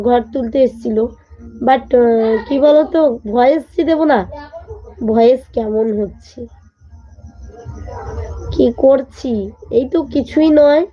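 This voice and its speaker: A woman hosting a casual livestream, her fairly high voice hoarse after a fever. She chats with viewers and answers their greetings one by one. The sound is dull and lo-fi, like a phone stream. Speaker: livestream host. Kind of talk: casual live chat answering viewer comments.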